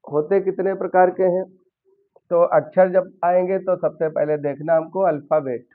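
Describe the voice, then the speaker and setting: A man's voice: high-pitched, steady tone, moderate pace. A man teaching a basic English grammar lesson in Hindi, explaining step by step and asking his learners questions. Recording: tinny phone-like sound.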